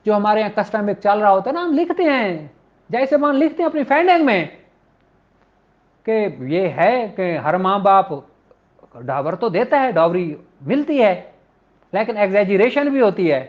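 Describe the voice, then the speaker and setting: A man with a Pakistani accent gives an informal law lecture, his high voice swinging widely in pitch. He talks conversationally, poses rhetorical questions and acts out courtroom exchanges, moving between Urdu and slowly read English legal text. The audio is dull, lo-fi and muffled.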